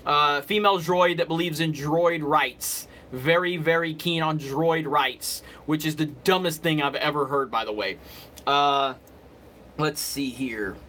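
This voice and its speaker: Unhurried and pushed, his fairly high, bright voice carries a slight Southern accent; he's from Alabama. He hosts a casual livestream, chatting with commenters in a rambling, off-the-cuff way.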